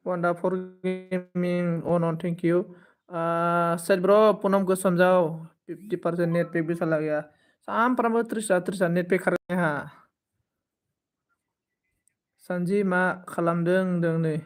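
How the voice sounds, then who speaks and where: Young guy doing a casual livestream, fairly high voice, talks slow, reads out chat and thanks everyone. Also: steady tone, smooth. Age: 20s. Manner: thanks viewers by name, consoling and joking. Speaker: livestream host. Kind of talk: casual live-chat reading to viewers.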